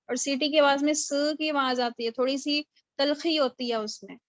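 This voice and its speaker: A woman with a high, bright-set voice teaches recitation rules in a live online lesson. She explains step by step, slips English terms into her talk and keeps asking her students questions. The sound is dry and close, with no room around it. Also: steady tone, dry recording, poor audio. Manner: explanatory, mixes English terms into Urdu, checks understanding with questions. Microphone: video call microphone.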